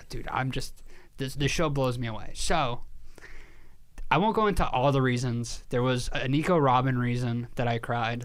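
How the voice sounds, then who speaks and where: A man co-hosting a podcast in casual chat, telling a story with lively energy, swearing casually and laughing at himself. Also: mid-range voice, clean tone. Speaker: podcast co-host.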